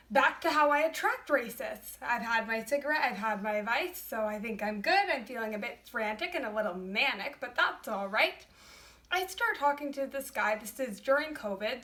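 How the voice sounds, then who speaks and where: Young female vlogger, animated storyteller, sharp bright voice, pitched a little high. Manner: chatty, animated, sarcastic storytelling. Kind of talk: storytime vlog.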